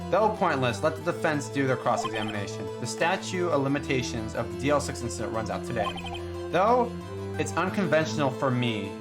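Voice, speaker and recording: A man's voice: medium pitch, sing-song, a little fast, over loud music, natural voice. A man doing an arrogant old prosecutor. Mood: commanding. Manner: curt, commanding. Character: older male prosecutor, stern and arrogant.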